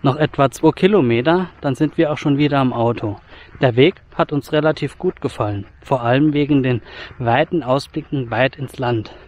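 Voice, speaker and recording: A man in his forties talks to his own handheld camera while out on a countryside trail. His delivery is friendly and matter-of-fact, like a hiking vlogger giving a quick update. His voice sits at a middle pitch and is heard outdoors in the open. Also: a little mellow. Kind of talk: casual vlog to camera. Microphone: action camera held at arm's length.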